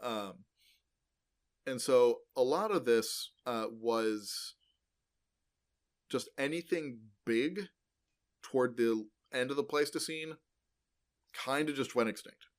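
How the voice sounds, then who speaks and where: Talking slowly with long pauses, a mid-pitched guy explains paleontology on a laid-back educational podcast he co-hosts. His delivery wanders, full of ums, uhs, and frequent "like," and he often backtracks to correct himself.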